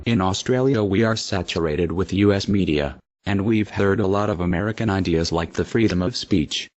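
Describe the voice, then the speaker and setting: Disguised deep male voice, solemn. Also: normal speed, a little mellow, muffled recording, soft background music. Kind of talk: scripted public statement.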